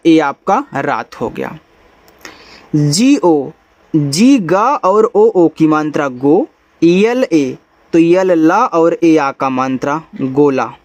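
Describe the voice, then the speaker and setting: A man's voice: fairly high pitch, dry recording. A man teaching beginners English spelling, patiently spelling out letters one by one and repeating himself.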